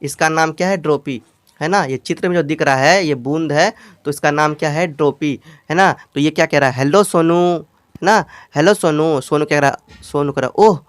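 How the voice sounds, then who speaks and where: Guy with hindi accent teaching english from a kids story, smooth clear voice, dry close mic, reads english slow then explains. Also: a little high, no echo. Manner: explains slowly, repeats lines, asks students questions; reads English lines very slowly, word by word. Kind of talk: bilingual English lesson reading a storybook.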